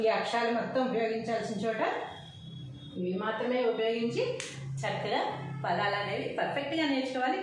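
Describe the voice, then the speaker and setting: A woman teaching a lesson, reciting syllables slowly and explaining how to write them. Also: mid-range voice. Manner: slow, drawn-out recitation of syllables. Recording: echoey room, faint noise.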